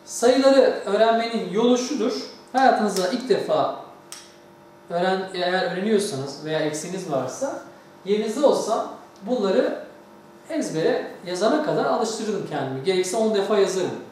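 A man's voice: high-pitched, lively intonation, moderate pace, a little mellow. A man teaching a lesson, explaining patiently step by step and reading words aloud for practice. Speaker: English teacher. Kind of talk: classroom lesson. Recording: very echoey room, distant mic, faint noise.

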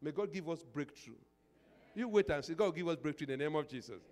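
A man's voice: fairly high pitch, expressive, fast talker, a little mellow. Older male preacher in a reverberant hall. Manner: call-and-response questions, repeating phrases; emphatic, swelling into prayer declarations. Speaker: pastor. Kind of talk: preaching a sermon. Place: indoor church stage. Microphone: handheld microphone.

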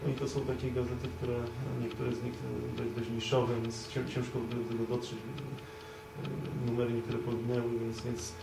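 Halting young man, gravelly and far-off. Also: medium pitch, level tone. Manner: halting, many fillers and repeated words. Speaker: panelist, editor of a story collection. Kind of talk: panel discussion. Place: dim reading room at a live event. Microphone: far camera. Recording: echoey room, far from camera, noisy.

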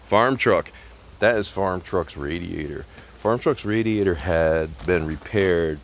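A middle-aged man from Connecticut with a very deep, low voice chats sarcastically on a home vlog. He jokes and wanders from topic to topic. He is recorded outdoors in a gravel yard on a handheld phone, with faint background noise. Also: takes it slowly. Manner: sarcastic, joking, scattered. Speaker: YouTube vlogger and truck tinkerer. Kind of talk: casual rambling vlog. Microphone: handheld phone camera, speaker off-screen.

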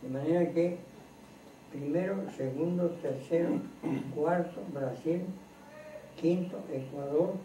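A man leads a relaxed spiritual teaching for a small group gathered in a home, speaking very slowly and earnestly. His voice is mellow and sits a bit high for a man. The recording is distant and roomy, with faint background noise. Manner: slow, earnest, preacherly with lists and repetitions. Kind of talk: informal teaching talk to a group. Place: room in a private home.

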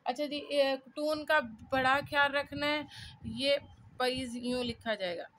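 This woman's voice is high-pitched, a bit bright, and slow-paced. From a cluttered room at home, she studies by walking through her notes and writing characters in a casual self-made lesson, chatting, thinking aloud, and checking in with listeners often.

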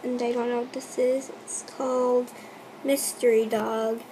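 Young woman, high voice, unhurried delivery, teasing and exasperated as she reacts to a phone game; faint background noise. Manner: excitable, teasing, exasperated running commentary. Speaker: YouTuber playing a chat-story app. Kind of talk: reacting while reading a texting game aloud.

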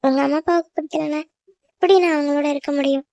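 A woman's voice: sits high, steady tone, quick pace, gravelly, mellow, no echo, clean studio sound. A woman voicing an anxious, emotional young orphaned woman in a cartoon drama. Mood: pleading. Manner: pleading, emotional.

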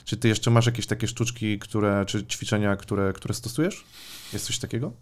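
A man hosting an interview, asking measured follow-up questions. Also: fairly low pitch, steady tone. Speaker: interviewer, host.

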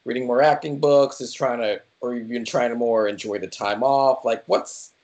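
A man's voice: medium pitch, fairly even intonation, normal speed, a little mellow. A man interviewing a guest over a video call from home, speaking through a wired earphone mic. He is inquisitive and piles up several questions at once before letting the guest answer. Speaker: interviewer, host. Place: indoors at home.

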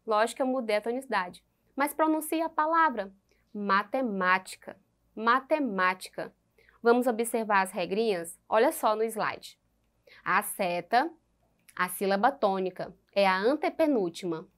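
A woman teacher with a Brazilian Portuguese accent giving a recorded school lesson, slow and patient, spelling out syllables and repeating words. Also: medium pitch, animated, a bit bright.

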